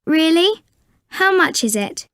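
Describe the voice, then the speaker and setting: A woman playing a polite shop customer in a scripted language-lesson dialogue, enunciating clearly with exaggerated intonation. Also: extremely high pitch, sing-song, slow pace, fairly bright tone, dry recording, clean studio sound, full character voice. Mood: polite, interested.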